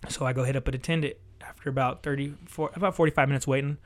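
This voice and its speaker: A young man, telling a story in casual chat. He is animated and profane, acting out both sides of each exchange. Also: medium pitch, rapid-fire. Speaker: podcast host.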